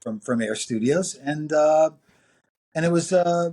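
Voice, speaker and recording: A man in his sixties with a New York accent, telling long anecdotes as an interview guest, full of fillers and lively quoted voices. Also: fairly high pitch, a little slow. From New York City. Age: 60s. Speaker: music producer and engineer guest. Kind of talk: casual interview storytelling.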